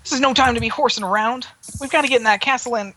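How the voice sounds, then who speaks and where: A woman's voice: on the high side, rapid-fire, noisy background, lightly acted. A woman voicing a folksy, kindly farm pony with a homespun, earnest manner, in an amateur comic read-through. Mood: urgent.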